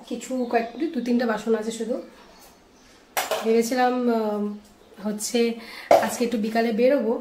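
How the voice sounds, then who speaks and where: A woman's voice: a little high, darkish tone, slight background noise. A young woman vlogging casually at home, teasing and bossing someone about chores. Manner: teasing, bossy. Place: home indoors.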